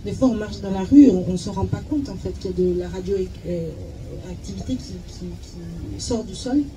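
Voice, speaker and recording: A woman with a mid-range, dark-toned voice interprets informally phrase by phrase at normal speed, hesitating, searching for words, and repeating herself. The audio is poor, with soft background music and clear background noise that includes chirping insects.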